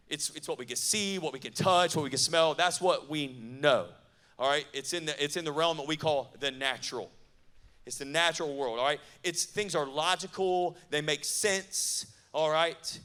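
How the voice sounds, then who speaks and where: A man preaching at a youth camp, lively and conversational with asides to the crowd. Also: a little high. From not from the American South. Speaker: youth pastor. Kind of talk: sermon.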